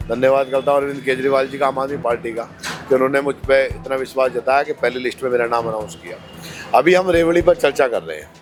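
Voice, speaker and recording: A man's voice: mid-range voice, fast talker, soft background music. A male politician answering interview questions, arguing his party's case with rhetorical questions. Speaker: politician, candidate.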